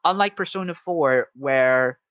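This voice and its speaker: A man co-hosting a casual chat about video games, retelling things in an animated way and acting out quotes. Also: mid-range voice, a little slow, no room sound. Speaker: podcast co-host. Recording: dull, muffled lo-fi sound.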